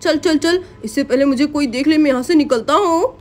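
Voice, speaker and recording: A woman's voice: sits high, darkish tone, lightly acted. A woman playing a sneaky old village cow thief. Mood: furtive. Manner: furtive, hurried. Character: sneaky older village man leading a stolen cow.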